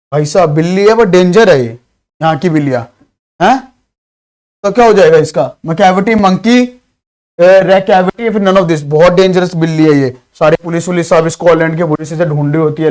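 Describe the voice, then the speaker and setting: High-voiced Bihari teacher, drilling quiz questions. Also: male voice, a little mellow. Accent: Bihari Hindi. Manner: reads questions slowly, explains in fast chatty Hindi. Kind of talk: exam-prep lesson.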